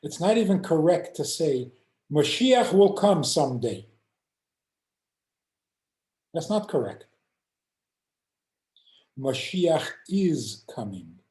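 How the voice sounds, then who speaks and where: A man's voice: on the high side, slow pace, long pauses, roomy sound, poor audio. An older man, a rabbi, teaching over a video call and telling stories, acting out the people he quotes. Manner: animated storyteller acting out quoted voices.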